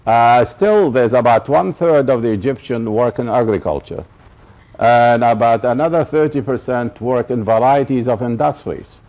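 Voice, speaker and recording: A man's voice: mid-range voice, moderate pace, a little mellow. A man from Iraq gives a college lecture, stressing and repeating his key points and checking that the audience follows. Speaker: professor giving a public talk.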